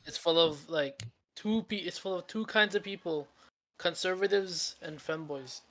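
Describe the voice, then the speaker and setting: A man's voice: fairly high pitch, moderate pace, fairly bright tone. A man from the Philippines on a stream voice chat, speaking in a laid-back way with dry humor. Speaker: voice chat guest. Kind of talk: casual chat.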